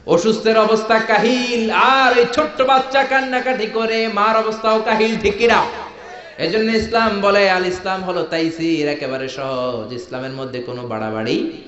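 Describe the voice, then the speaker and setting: A man preaching a sermon, animated and storytelling, often calling on the crowd to answer and shouting. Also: high voice, moderate pace. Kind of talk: Islamic sermon (waz). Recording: echoey hall, muffled lo-fi sound.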